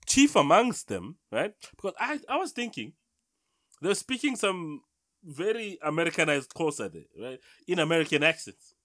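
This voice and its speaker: A man co-hosting a casual film review chat, halting and repeating words with many fillers. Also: a little high, very animated, a bit bright, no room sound, clean studio sound. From South Africa. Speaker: podcast co-host.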